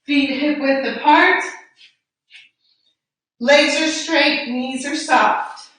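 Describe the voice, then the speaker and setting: Woman yoga instructor, high voice, unhurried, slightly breathless, distant mic, echoey room. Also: a bit bright. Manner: encouraging, guiding breath cues. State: a little out of breath. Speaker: yoga teacher. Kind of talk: live yoga class instruction. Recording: roomy echo, distant mic.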